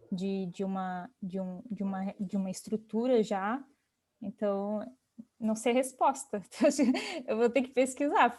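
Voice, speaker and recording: A woman's voice: mid-range voice, warm tone. A woman with a Brazilian accent, speaking thoughtfully and informally in an academic discussion. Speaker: panel participant.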